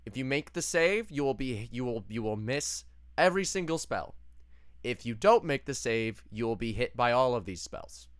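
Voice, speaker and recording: Man, mid pitch, game master narration, laughing often. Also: animated, moderate pace, clean tone.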